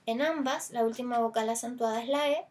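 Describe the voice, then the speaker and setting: A woman's voice: on the high side, fairly quick, a little mellow. A Chilean woman teacher explaining a lesson, stretching stressed vowels to demonstrate them and talking things through with small fillers. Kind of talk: recorded language lesson.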